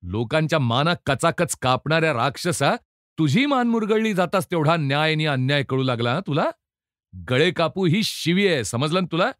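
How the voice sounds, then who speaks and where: A man's voice: on the high side, expressive, normal speed, fairly bright tone, no room sound, studio quality. A male narrator voicing a harsh prison superintendent who bellows insults at a prisoner in an audiobook reading. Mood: contemptuous. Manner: bellowing, scornful.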